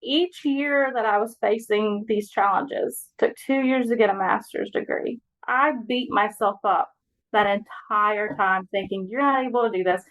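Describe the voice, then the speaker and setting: A woman's voice: medium pitch, fairly even intonation, unhurried, a bit bright, rough recording. A woman from Alabama, a podcast guest speaking earnestly and encouragingly about her own experience. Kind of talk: reflective personal talk.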